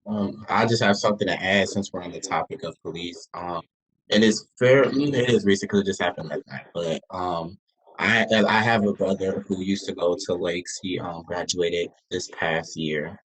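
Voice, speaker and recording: A young man speaks in a low voice, sharing a personal account in casual group talk. His R's are mispronounced, sounding like W's. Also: normal speed, fairly bright tone, slightly rough, low-quality recording. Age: young adult. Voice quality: can't pronounce R, says w for r.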